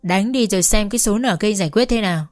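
A woman's voice: mid-range voice, moderate pace, lightly acted. Woman doing a coldly defiant young wife. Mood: defiant tirade. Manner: cutting, contemptuous retorts.

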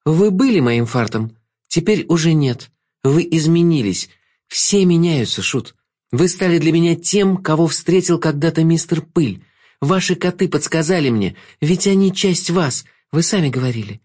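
A man voicing a high-pitched, determined young girl. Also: animated, normal speed, a little mellow.

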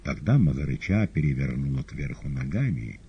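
A man narrating an audiobook in an expressive, theatrical reading. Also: very deep voice, normal speed, gravelly, breathy edge. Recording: dull lo-fi audio.

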